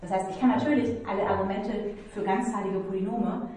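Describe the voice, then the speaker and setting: A woman's voice: medium pitch, fairly even intonation, brisk, warm tone. A woman lecturer patiently explaining algebra in a tutoring session, thinking aloud as she goes. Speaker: mathematics lecturer. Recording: echoey room, mic far off, faint noise.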